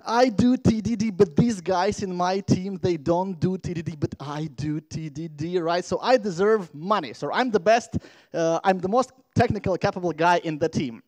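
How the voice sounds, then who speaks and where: A man's voice: high voice, moderate pace, a little mellow, lightly acted. A man voicing an eager young male developer who insists on his own worth. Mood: pleading.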